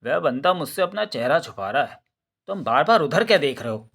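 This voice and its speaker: A man's voice: a little high, big pitch swings, a little fast, gravelly, a bit bright, full character voice. A man puts on a brash, bumbling police constable in a comic storybook reading. He blusters and throws coarse threats at everyone around him. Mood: blustering.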